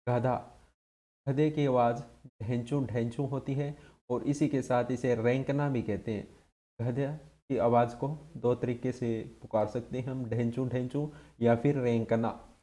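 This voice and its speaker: A man's voice: mid-range voice, steady tone, unhurried, warm tone. A man teaching an exam-prep lesson, drilling his points by asking questions and answering them himself.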